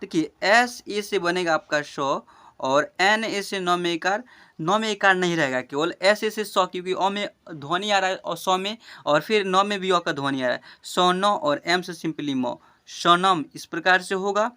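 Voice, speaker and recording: A man teaches children to spell, breaking every word into its sounds. His voice sits high and sounds bright and sharp. He often stops to ask whether his students understood. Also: measured pace, clean tone. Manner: explains step by step, often asks if students understood.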